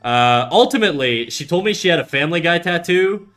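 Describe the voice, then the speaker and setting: A young Canadian man chats casually on his art livestream, reading chat aloud while rambling, swearing, and filling his talk with fillers and restarts. His voice is fairly high and fairly bright, with lively intonation and a slightly fast pace, over soft background music.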